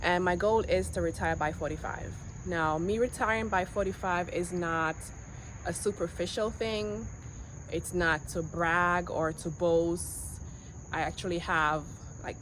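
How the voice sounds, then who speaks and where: The recording is rough: a handheld camera picks up a Jamaican-born woman in her forties vlogging outdoors on a quiet street, along with insects and passing vehicles. Her voice sits on the low side, and she speaks earnestly and reflectively, pausing and starting over.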